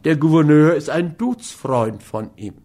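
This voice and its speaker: A man's voice: a little high, expressive, a little slow, dark tone. A man reading an audiobook, voicing an eager bystander who gossips and gives advice. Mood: gossipy. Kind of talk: audiobook character voice.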